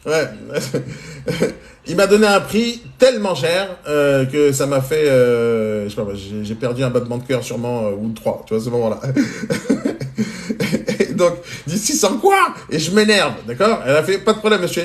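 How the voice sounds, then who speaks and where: A man in his forties telling a casual, animated anecdote, colloquial and speaking straight to the listener, into a phone mic on a live stream. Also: mid-range voice, unhurried. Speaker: entrepreneur answering questions on a live stream.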